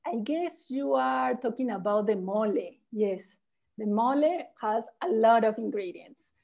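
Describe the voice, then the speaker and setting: A woman from Mexico, a Spanish speaker with a Mexican accent, works as a local tour guide answering questions on a virtual tour over a video call. Her fairly high, gravelly voice has lively intonation and an unhurried pace, with the highs cut off. She explains things in a friendly way, often tagging sentences with "no?".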